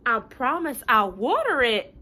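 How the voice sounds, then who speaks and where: A woman voicing an excitable, pleading, stubborn storybook pigeon, exclaiming and wheedling with emphasis. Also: a little high, unhurried, exaggerated voice. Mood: eager, pleading. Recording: home recording with light room noise.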